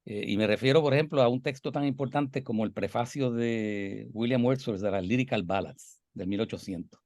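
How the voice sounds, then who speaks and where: A man's voice: medium pitch, brisk, a little mellow, no room sound, studio quality. Older Puerto Rican man, Caribbean Spanish accent. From Puerto Rico. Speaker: interviewed poet and scholar. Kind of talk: reflective, discursive interview answer.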